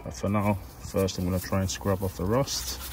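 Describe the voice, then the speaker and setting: In a casual DIY vlog, a car vlogger with a low voice chats at normal speed while repainting his brake calipers. He's relaxed and talkative as he works, with a noisy background behind him.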